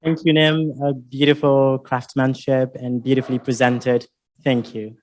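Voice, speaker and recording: A man's voice: mid-range voice, level tone, a little slow. A man hosting an open mic, introducing the next performer and encouraging the audience. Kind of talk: event hosting. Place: university exhibition room with seated audience.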